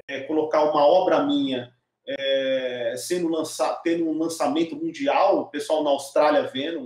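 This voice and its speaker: Middle-aged man telling stories in an echoey room. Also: fairly high pitch. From Diadema, São Paulo, Brazil. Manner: animated storyteller with frequent tag questions. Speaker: documentary filmmaker, guest. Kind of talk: casual storytelling interview.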